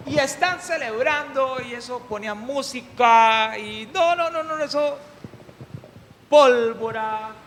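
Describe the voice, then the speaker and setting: A man delivers a lively, humorous sermon, asking his listeners questions as he goes. His voice is very high, and a long hall reverb trails after every phrase. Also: slow pace, a little hiss or hum. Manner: animated, humorous, questions the congregation. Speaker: preacher.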